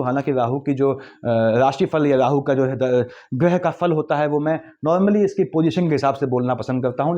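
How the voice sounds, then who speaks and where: A man giving a quick, lecturing astrology forecast, weaving English terms into his explanations. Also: on the high side, mellow, highs cut off. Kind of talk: monthly horoscope talk.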